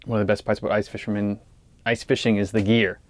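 A man with a lowish, fairly flat voice talks fast to his viewers in a loose, rambling fishing vlog. He's inside a small ice fishing shelter on a frozen lake, recorded by an action camera pointed at him, with no room sound.

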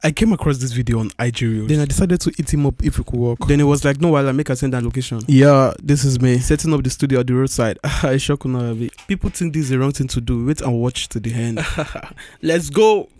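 A man's voice: medium pitch, fast. A young Nigerian man with a Nigerian accent, producing beats at a roadside and chatting casually to his viewers. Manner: upbeat, talking to viewers as he works. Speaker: music producer. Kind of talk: casual vlog narration. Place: roadside street, outdoors. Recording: loud beat playing behind.

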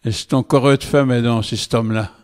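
A man with a Walloon accent reading a story aloud in an unhurried storytelling manner. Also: medium pitch, steady tone, darkish tone, in a large hall.

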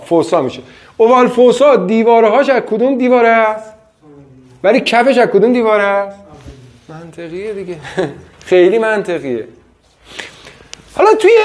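A man's voice: high voice, darkish tone. A man giving a classroom lecture, quizzing his students with frequent questions.

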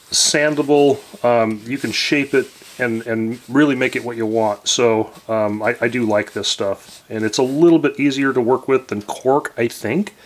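A relaxed man in his forties walks through a hands-on project in his home workshop, speaking at an ordinary middle pitch. He rambles easily, with plenty of ums and restarts. His voice comes from a camera mic a few feet away. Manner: relaxed and rambling, lots of fillers and self-corrections. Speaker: woodworking channel host. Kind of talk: casual workshop tutorial.

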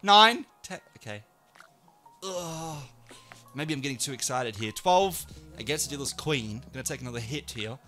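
A man commentating his own live blackjack play, excitable and swearing a lot, swinging from low muttering to loud shouts. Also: brisk, faint music behind. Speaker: online casino streamer.

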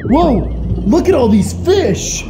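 A man's voice: extremely high pitch, big pitch swings, slow pace, full character voice. A man voicing a goofy, good-natured boyish alien puppet in a children's show, laid-back and full of childlike wonder. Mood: cheerful. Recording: music behind the voice.

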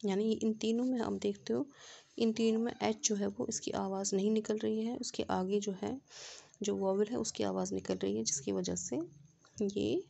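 A woman teaching a grammar lesson, her voice gravelly and warm in tone. She explains each rule step by step, often pausing to ask whether the class follows. She reads her example sentences slowly and carefully. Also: medium pitch, steady tone. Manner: explains step by step, asks rhetorical check questions.

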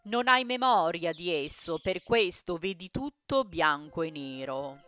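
A woman reading a storybook, voicing a kindly magical ladybug who gently guides a lost young woman. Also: on the low side, expressive, measured pace, faint music behind. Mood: gentle.

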